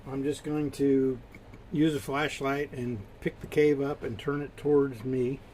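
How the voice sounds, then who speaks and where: A man's voice: mid-range voice, level tone, measured pace, a little mellow, a little hiss or hum. A man hosting a live stream from his home fish room, casually explaining his fish while he works on the tanks.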